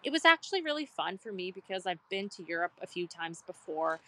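A woman in her thirties chats on a podcast, spinning a loose story peppered with "like". Her voice has a bright, clear edge, and it sounds close and dry. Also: fairly low pitch, sing-song, fairly quick, no echo. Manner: rambling storyteller, heavy use of "like". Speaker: podcast co-host. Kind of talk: casual podcast chat.

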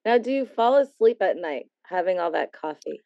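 A middle-aged American woman with a slightly low voice talks casually, like a guest sharing personal stories. The sound is dry and a little dull. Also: animated, normal speed, vocal fry, warm tone, no room sound. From San Francisco Bay Area, USA. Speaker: interview guest.

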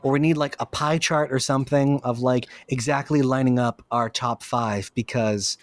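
A man co-hosting a podcast in casual chat, rambling and swearing, quick to jump into loud silly voices. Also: medium pitch, fairly even intonation. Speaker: podcast co-host.

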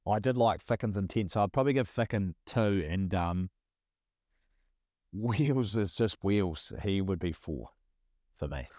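Low-voiced New Zealand bloke, broad kiwi slang. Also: male voice, lively intonation, a little slow, dark tone, dry recording, clean studio sound. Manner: rambling, repeats phrases, slangy. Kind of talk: casual chat.

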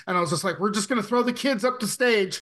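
A man's voice: high-pitched, fast talker, a bit bright. A man playing in a podcast game, telling a chatty story with lots of "like". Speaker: game player, podcast guest. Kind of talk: casual chat.

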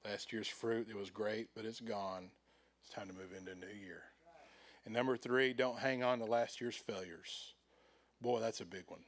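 A middle-aged pastor with a voice on the low side preaches a sermon in church. He is animated, acting out quoted voices and swinging in loudness.

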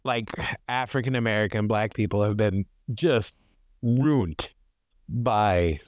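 A man's voice: takes it slowly, no echo, clean studio sound. A man co-hosting a casual film podcast, chatty and full of fillers. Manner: wide-swinging pitch, chatty with fillers. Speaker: podcast co-host.

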